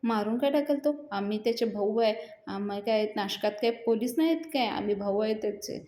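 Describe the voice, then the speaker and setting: A woman's voice: mid-range voice, brisk, mellow, lightly acted. Brief: woman reading a blustering brash young brother, echoey room. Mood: defiant. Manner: defiant, blustering.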